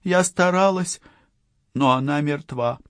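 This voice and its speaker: A woman's voice: low voice, takes it slowly, creaky, darkish tone, dry recording, studio quality, pitched above the performer's own voice, exaggerated voice. A man reading an audiobook, voicing a frightened female police partner who speaks in a trembling, pleading way.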